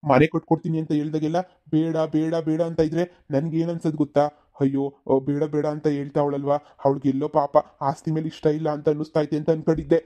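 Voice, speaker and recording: A man voicing an enraged middle-aged village father in a cartoon comedy, shouting threats and later pleading for forgiveness. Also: fairly high pitch, flat delivery, quick pace, close to an everyday voice. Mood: furious.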